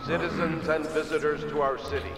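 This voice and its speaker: An actor voicing a male official announcing a curfew over a public loudspeaker, in a formal, measured game announcement. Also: on the high side, level tone, heavy background noise. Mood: stern. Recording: echoey, distant outdoor loudspeaker.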